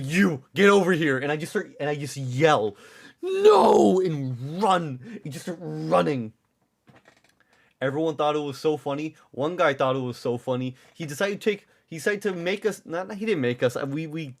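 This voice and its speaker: A man streams live from home. He tells a story in a rambling, foul-mouthed way, mocks himself, and keeps restarting his sentences. His voice sits a little higher than most men's. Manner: rambling, profane, self-mocking, with frequent restarts. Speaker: livestreamer. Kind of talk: casual storytelling on a livestream.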